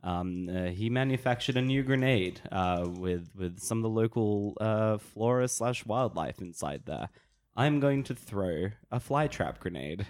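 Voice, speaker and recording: A man playing a tabletop role-playing game, describing his moves casually and haltingly, in fragments. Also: on the low side, lively intonation, darkish tone. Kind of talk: casual improvised game play.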